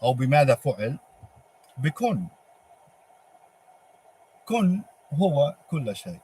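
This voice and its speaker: A man with a Palestinian Arabic accent giving an informal religious monologue, halting and posing emphatic rhetorical questions. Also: mid-range voice, big pitch swings, mellow. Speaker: religious speaker. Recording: clearly noisy ambient background.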